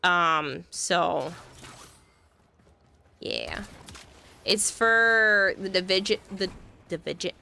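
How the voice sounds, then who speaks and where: Brief: woman streamer, gravelly voice, chatty and rambling. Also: lowish voice, expressive, extremely slow, pauses often, sharp tone, slight background noise. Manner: rambling, chatty, filler-heavy. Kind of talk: casual livestream chat.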